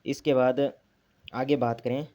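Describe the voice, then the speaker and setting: Guy teaching grammar, dark mellow voice, keeps asking then answering himself. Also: medium pitch, little pitch movement, unhurried. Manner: repeats key terms, asks and answers own questions. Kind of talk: classroom lesson explanation.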